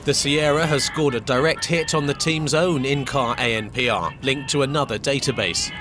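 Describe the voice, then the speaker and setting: A man reading measured, dramatic voice-over for a police documentary. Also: medium pitch, noisy background. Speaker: documentary narrator. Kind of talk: scripted documentary narration.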